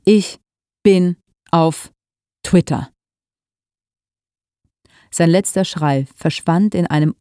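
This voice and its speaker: A narrator reading a novel aloud in a steady, measured storytelling manner. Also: medium pitch, no room sound, clean studio sound. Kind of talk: scripted audiobook narration.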